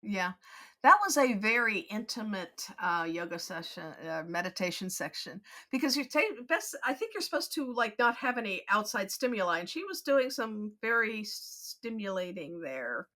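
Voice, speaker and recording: A woman co-hosting a podcast in relaxed conversation. Her voice has a bright, clear edge. She talks easily, agrees often and laughs readily. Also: medium pitch. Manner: agreeable, quick to laugh, frequent yeahs. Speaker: podcast co-host. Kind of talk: casual chat.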